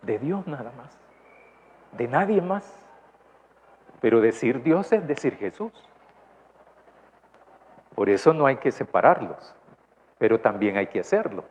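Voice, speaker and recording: Unhurried and pausing often, this Salvadoran-accented pastor preaches in a medium-pitched voice with big swings in pitch. His sermon is conversational, full of questions to the congregation and the tag "¿verdad?", captured in a dull, lo-fi church recording with faint noise.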